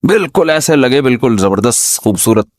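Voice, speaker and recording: A man's voice: mid-range voice, expressive, a little mellow, no echo, studio quality. A man giving an informal, humorous religious talk, often throwing rhetorical questions at his listeners. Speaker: Islamic scholar giving a talk.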